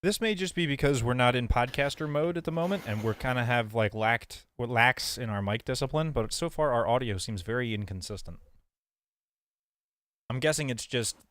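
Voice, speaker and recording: A man in his thirties co-hosting a podcast, talking in a relaxed, meandering way. His humor is dry and wry, and his voice sits at an ordinary middle pitch. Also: normal speed. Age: 30s. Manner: laid-back, rambling, wry. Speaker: podcast co-host. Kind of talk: casual chat.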